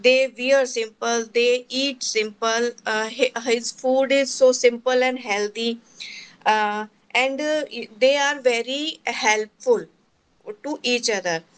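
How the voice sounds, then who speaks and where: Clear-voiced North Indian woman learner. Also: a little high, takes it slowly, low-quality recording. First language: Hindi. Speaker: English learner in an online class. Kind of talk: halting speaking-practice presentation.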